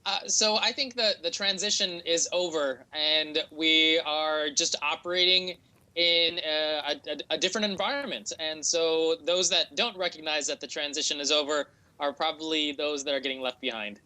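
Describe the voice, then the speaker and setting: Bright-voiced American man, halting interview answers. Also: on the high side, low-quality recording. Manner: hesitant, halting, repeats words while thinking. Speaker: interview guest, tech entrepreneur.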